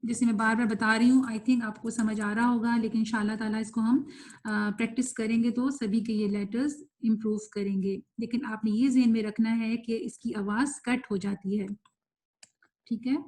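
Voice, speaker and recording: A woman teaching Quran recitation in an online class, explaining quickly and mixing in English words, then reciting words slowly and stretched out. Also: a little high, steady tone, a little mellow. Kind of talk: online tajweed lesson, live class.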